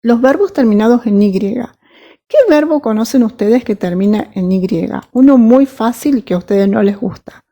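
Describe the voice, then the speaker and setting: A woman teaching English grammar, patiently checking that her students follow and spelling out examples slowly. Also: fairly high pitch, dark tone. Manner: patient, checks understanding with frequent "¿sí?" and "¿mm?". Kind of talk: recorded grammar lesson.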